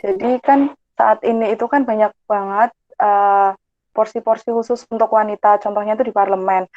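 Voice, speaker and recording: A woman's voice: mid-range voice, steady tone, normal speed, no echo. A young woman moderating, politely reading out audience questions with some hesitation. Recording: dry tinny phone-like call.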